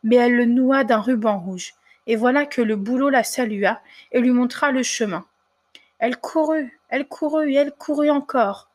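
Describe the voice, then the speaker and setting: A woman reading a fairy tale aloud in a measured, expressive storytelling manner. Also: fairly high pitch.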